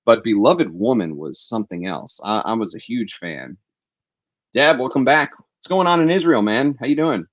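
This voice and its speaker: A man's voice: medium pitch, lively intonation, normal speed, highs cut off. A man hosting a casual livestream, chatting with enthusiasm and reading viewer comments aloud on a headset mic. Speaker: fragrance livestream host.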